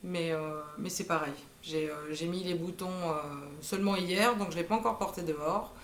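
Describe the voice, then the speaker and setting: A woman's voice: on the low side, steady tone, moderate pace, slight background noise. A woman in her thirties chatting casually about her knitting projects, hesitant and full of fillers. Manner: hesitant, lots of "euh" fillers. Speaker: knitting vlogger. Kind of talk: casual show-and-tell chat. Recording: echoey room.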